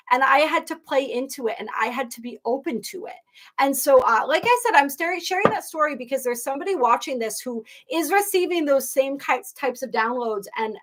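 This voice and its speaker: On her live spiritual stream about astrology and tarot, a woman chats effusively and casually with viewers in a high, fairly bright voice. Her talk rambles with many restarts, and at moments she seems near tears.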